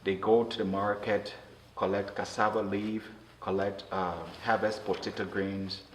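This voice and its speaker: A man talks earnestly as an interview guest, stumbling over and repeating words as he goes. His voice sits on the low side. The recording has a roomy echo and a faint hiss underneath. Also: level tone. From Liberia. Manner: earnest, with many halting restarts.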